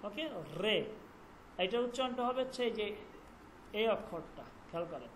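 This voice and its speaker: A man teaching a language class online, repeating each letter sound slowly and checking that students follow. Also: high voice, very animated, slight background noise.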